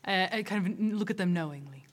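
A woman's voice: medium pitch, fast. A woman playing a tabletop game, casually describing her character's actions with some hesitation. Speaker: player.

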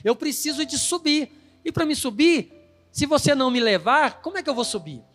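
A man's voice: very high voice, expressive, moderate pace, a bit bright, long reverb tail, faint music behind, pitched above the performer's own voice. A man voicing an indignant male surgeon who speaks firmly and formally.

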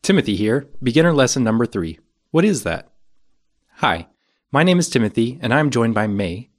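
A man's voice: medium pitch, very animated, moderate pace. A man with an American accent, hosting a scripted language lesson podcast with some casual chat.

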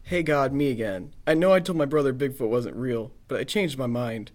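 A man's voice: medium pitch, brisk, close to an everyday voice. A man voicing a clumsy, jittery young hiker who talks to himself and cracks wry jokes. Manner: excitable, talks to himself, wisecracking.

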